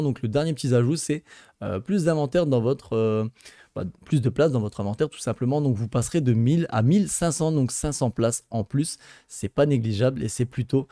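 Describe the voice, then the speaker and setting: Man, casual gaming news chat, mellow warm tone, dry close sound, hesitant fillers. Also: medium pitch, no echo. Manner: chatty, hesitant with frequent fillers, addresses viewers as friends.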